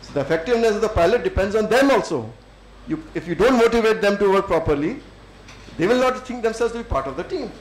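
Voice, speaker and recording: A middle-aged Indian man with an Indian English accent gives a thoughtful lecture to students, with many fillers and pauses. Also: high-pitched, animated, echoey room, low-quality recording. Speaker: civil servant speaker. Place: lecture hall.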